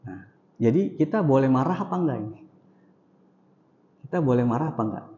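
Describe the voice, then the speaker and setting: A man's voice: mid-range voice, darkish tone. Man teaching in an echoey mosque hall. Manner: repeats each point for emphasis. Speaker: Islamic teacher. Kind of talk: mosque study lecture. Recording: echoey hall, dull lo-fi sound.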